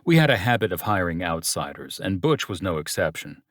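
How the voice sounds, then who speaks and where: A man's voice: low voice, big pitch swings, a little fast, no room sound, studio quality. A man narrating a first-person romance audiobook in a wry, sardonic tone.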